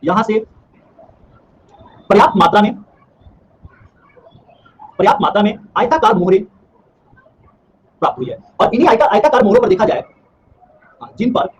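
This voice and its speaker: A man's voice: sits high, animated, normal speed, pauses often, husky, low-quality recording. A man teaching a history class online. He asks questions and answers them himself, repeating key terms for revision. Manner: quizzes by asking and answering his own questions.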